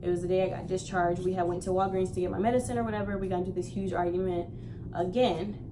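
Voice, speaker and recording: A woman's voice: on the low side, fast, background noise. A young woman vlogger casually telling a personal story, acting out what people said along the way. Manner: animated retelling, acts out quoted lines.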